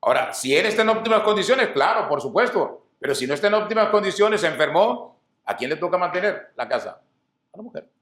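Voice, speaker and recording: A middle-aged male pastor delivers a sermon in a fairly high voice. He keeps asking the congregation questions and answering them, and he repeats his key phrases for emphasis. The sound is roomy, with the echo of a church hall. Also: animated, fast, fairly bright tone.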